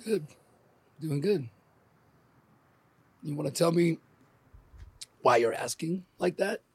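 A man improvising a blunt male district manager in his forties, talking quietly and probing his friend. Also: on the high side, animated, takes it slowly, husky, no echo, heavily acted. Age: 40s. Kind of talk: improvised scene.

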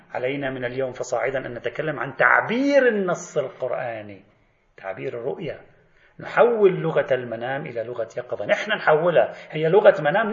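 A male lecturer, giving an animated spoken lesson on religious thought and acting out imagined questions to the theorist he discusses. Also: a little high, creaky. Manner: animated, voices imagined exchanges and asks rhetorical questions. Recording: echoey, slightly dull lecture recording.

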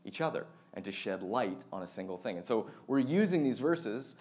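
A man of thirty giving a relaxed, conversational sermon as pastor, chatty and self-deprecating, with frequent fillers and restarts. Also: lowish voice, normal speed. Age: 30s.

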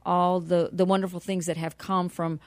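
Woman, radio interview guest, earnest, low-pitched, dry close sound. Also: level tone, a little mellow, no echo. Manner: earnest, spells things out slowly. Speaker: nonprofit director, guest.

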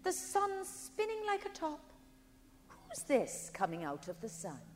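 A dark, breathy fortune-teller. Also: female voice, extremely high pitch, huge pitch swings, a little slow, in a large hall, heavily acted. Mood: excited. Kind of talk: radio play acting.

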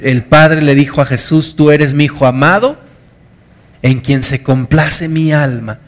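A middle-aged man preaching a sermon, earnest and emphatic, repeating key phrases. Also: fairly high pitch. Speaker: pastor.

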